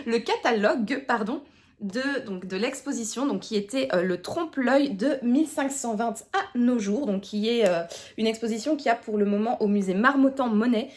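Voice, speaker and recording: Une jeune femme de Tournai, avec l'accent tournaisien, qui parle de ses lectures en vlog, bavarde, avec beaucoup d'hésitations et d'autodérision. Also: female voice, a little high, moderate pace. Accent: Tournai Picard (Belgian French). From Tournai, Belgium. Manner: chatty, many fillers and restarts, self-mocking. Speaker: book vlogger. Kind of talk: casual chat to camera.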